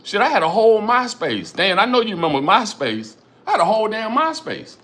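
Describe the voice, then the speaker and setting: A man's voice: sits high, fairly quick. A middle-aged man hosting a casual livestream, talking animatedly and profanely, reading viewers' comments aloud and repeating phrases like "you know what I'm saying.". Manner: animated, profane, rhetorical, keeps addressing chat viewers by name. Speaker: livestream host reading chat.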